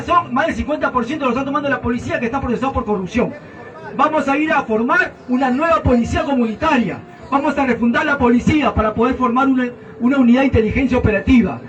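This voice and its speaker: A man's voice: very high voice, fairly bright tone. A Peruvian man giving a fiery, mocking campaign debate speech as a senate candidate. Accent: Peruvian Spanish. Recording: distant outdoor recording.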